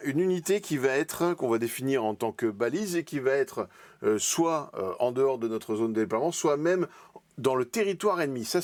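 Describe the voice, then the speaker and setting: Guy doing a laid-back weekly recap, lots of ums and restarts, mid pitch, dry close sound. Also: no echo. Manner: chatty, hesitant, many fillers and restarts. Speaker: channel host. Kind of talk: casual weekly hobby news recap.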